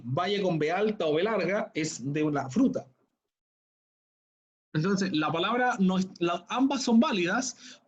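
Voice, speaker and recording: Man teaching an online class. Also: high-pitched. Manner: patient step-by-step explaining, checks in with "¿ya?". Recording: dull lo-fi computer audio.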